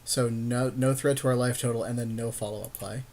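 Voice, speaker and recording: A man co-hosting a gaming podcast chats with friends and comments on card play in slangy, sweary, casual talk. His voice is mid-range and fairly even, brisk in pace, with a darkish tone.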